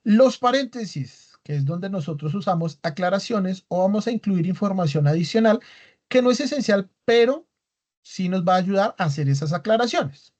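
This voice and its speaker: A man's voice: high-pitched, expressive, normal speed, a little mellow. A man teaching an online class on writing, explaining step by step and checking in with his students with constant tag questions. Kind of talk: recorded online class lecture. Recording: dull lo-fi class recording.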